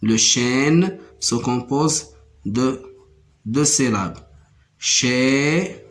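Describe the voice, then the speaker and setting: Slow, repetitive male teacher. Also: medium pitch. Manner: slow, syllable-by-syllable dictation, repeating each word. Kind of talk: primary school French lesson.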